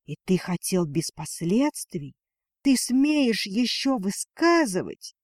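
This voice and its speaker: A man voicing a fierce, protective dragoness mother in a storybook reading, his voice pushed higher and emotional. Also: big pitch swings, slow pace, no echo, studio quality, heavily acted. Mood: furious. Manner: pleading then defiant, raised voice.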